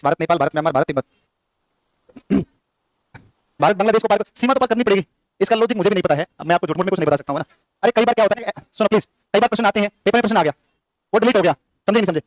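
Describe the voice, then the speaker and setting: A man's voice: sits high, dry recording. A male teacher giving a classroom lecture, quizzing his students over and over. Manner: rapid, repetitive quizzing of students. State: short on sleep.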